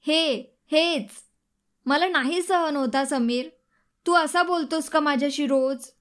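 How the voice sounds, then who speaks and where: A woman's voice: high-pitched, slow pace, fairly bright tone, voice pushed up. A woman voicing a shaken young wife in an audiobook, upset and pleading. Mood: indignant. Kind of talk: audiobook dialogue reading.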